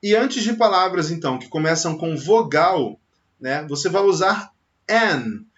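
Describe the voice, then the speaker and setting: A man's voice: fairly high pitch, lively intonation, unhurried, a bit bright. A Brazilian man teaching a beginner English lesson, talking conversationally and often checking in with "ok?". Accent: Brazilian Portuguese. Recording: slightly dull lo-fi sound.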